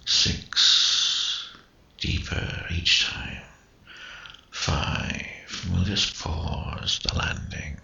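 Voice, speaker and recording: A man speaking in a breathy, intimate whisper right in the listener's ear, coaxing and hypnotic, in the style of sensual relaxation audio. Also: pushed and bright, dull audio. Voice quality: breathy, husky, gravelly low voice. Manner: slow, coaxing, hypnotic delivery with short phrases.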